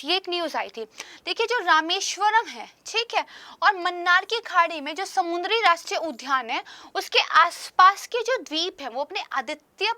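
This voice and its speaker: A young woman with a very high, bright voice, teaching exam preparation in a tight, dry-sounding space. She works through practice questions step by step and keeps checking that her students follow along. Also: dry recording. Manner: explanatory, checks in with "right?" and "okay". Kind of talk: explaining current affairs with practice questions.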